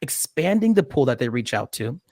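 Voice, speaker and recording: Speaking over a studio mic and headphones from a small indoor room, a male medical student in his twenties gives a casual video-call interview. His medium-pitched voice is creaky, darkish, and very animated at a normal speed, captured in a dry recording. He explains earnestly and laughs often.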